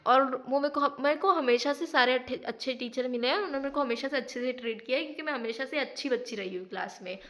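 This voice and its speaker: A woman's voice: high-pitched, fast talker, hardly any pauses, pushed and bright. A young woman vlogging casually, telling a personal story in a chatty way, dropping English phrases and saying "like" often. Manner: chatty, mixes in English phrases, says "like" a lot.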